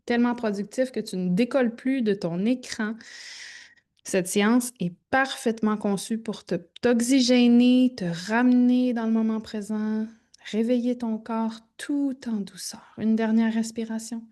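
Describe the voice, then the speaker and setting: A woman teaches a gentle yoga class, giving soft, informal cues with pauses as she demonstrates. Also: on the high side, fairly even intonation. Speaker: yoga instructor.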